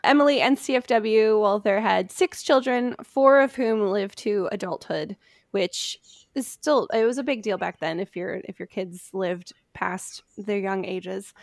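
A woman hosts a podcast, casually recounting history from her notes among friends, with chatty, self-deprecating asides. Her medium-pitched voice is unhurried, and the studio sound is clean with no room noise.

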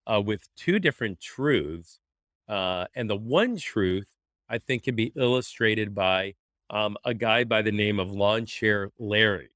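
Here the pastor's voice sits on the low side with a sharp edge, captured cleanly in the studio without echo. He co-hosts a laid-back faith podcast, chatting in a relaxed way and frequently breaking into laughter.

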